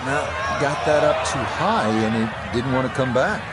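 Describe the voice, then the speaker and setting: Male golf commentator, mid-pitched, measured play-by-play with appreciative remarks, over clear crowd and outdoor noise. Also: animated. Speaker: golf commentator, lead announcer. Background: crowd and outdoor ambience.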